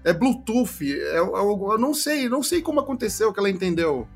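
Animated man comedian guest chatting. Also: sits high, fairly quick, creaky, soft background music. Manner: animated, jokey, demonstrates intonation. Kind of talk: casual chat.

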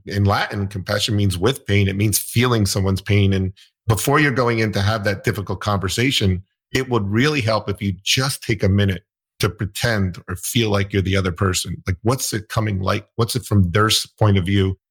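A middle-aged male host explains his points in a calm, steady way. His voice is low and a little husky, and he speaks in an easy conversational tone. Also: a little fast. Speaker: physician podcast host. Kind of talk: casual interview chat.

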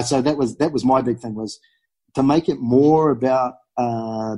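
A man's voice: lowish voice, warm tone, husky, poor audio. A man with a broad New Zealand accent chatting casually and informally as a guest in a podcast interview.

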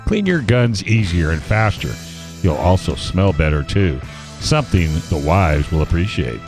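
A man's voice: sits low, sing-song, normal speed, music in the background. A man reading a scripted radio ad in a chipper, upbeat, folksy salesman's manner as a show host.

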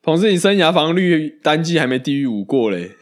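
A man, co-hosting a casual baseball podcast, animated and quick to laugh and swear. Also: fairly high pitch. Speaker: podcast co-host.

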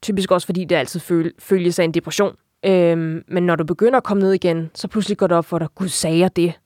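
A woman's voice: lowish voice, fairly even intonation, darkish tone, no room sound, studio quality. A young adult woman giving a candid, reflective personal account in an interview, with frequent filler tags.

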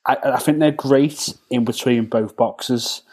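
A man's voice: mid-range voice, steady tone, a little slow, a little mellow. A man with a Scouse accent giving football analysis on a podcast, thinking aloud with frequent restarts. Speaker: football pundit. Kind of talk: casual podcast chat.

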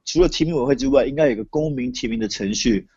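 Male commentator, Taiwanese Mandarin accent, creaky and husky, explaining conversationally on a lo-fi call. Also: mid-range voice, racing, a little mellow, no room sound. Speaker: interview guest, political commentator. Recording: dull lo-fi remote call audio.

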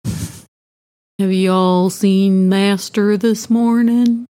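A woman's voice: mid-range voice, fairly even intonation, extremely slow, dark tone. A woman voicing a lazy, sleepy male house pet who talks in a drowsy drawl.

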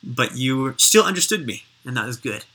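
Woman, interviewer, very low pitch, husky, bright forceful tone, casual chatty delivery. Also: animated, moderate pace, rough recording.

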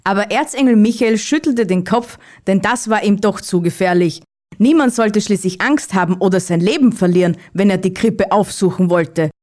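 A woman narrating a Christmas children's story in a calm, even reading voice. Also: medium pitch, normal speed.

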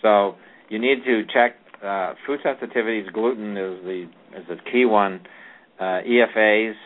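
This physician speaks at a normal speed in a fairly low register, advising a radio caller in a wandering way. He keeps backtracking to restart sentences and fills gaps with filler words, all heard through tinny, telephone-style radio audio.

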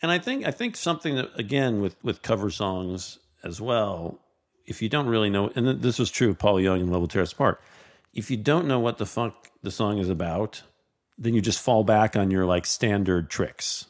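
A man chatting casually about music, animated and swearing, with lots of "you know what I mean". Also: on the low side, moderate pace.

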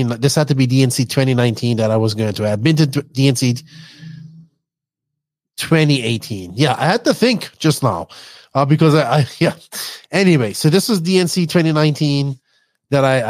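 A man's voice: medium pitch, dry recording. Bermudian-accented man, dry close sound. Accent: Bermudian, toned down. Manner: rambling, self-correcting. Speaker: podcast host. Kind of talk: casual podcast intro, reminiscing.

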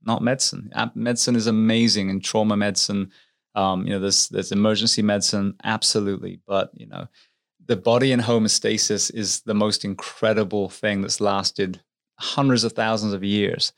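A middle-aged man with an English accent speaks in a low, steady voice. He talks as an interview guest, earnest and reflective. He gives advice from experience. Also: moderate pace, vocal fry. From England. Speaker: podcast guest, firefighter and author. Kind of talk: conversational interview.

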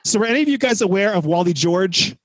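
Male podcast host, fairly high voice, dry sound, casual animated storytelling with stressed key words. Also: fast talker, dry recording. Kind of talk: casual film review chat.

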